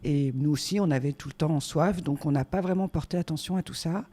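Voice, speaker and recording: A woman in her forties, a guest on her son's show, talking casually and hesitantly with many filler pauses. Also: sits low, warm tone. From France. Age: 40s. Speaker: guest, the host's mother. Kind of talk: casual conversation.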